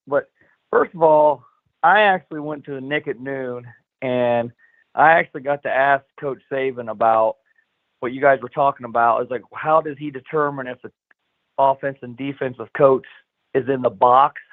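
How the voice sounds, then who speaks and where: A man from Iowa calling a sports show, talking casually with some hesitation. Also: medium pitch. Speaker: caller. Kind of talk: call-in chat. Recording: tinny phone line.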